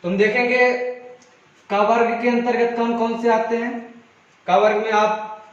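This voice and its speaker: A man's voice: very high-pitched, flat delivery, normal speed. A man teaching a grammar lesson, drilling sounds one by one and asking the class questions, then answering them himself. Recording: echoey room, mic far, dull sound.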